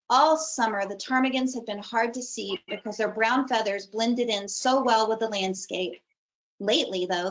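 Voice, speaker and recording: A woman reading a children's picture book aloud for a storytime, with a lively, expressive delivery. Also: fairly high pitch, low-quality recording. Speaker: storytime reader.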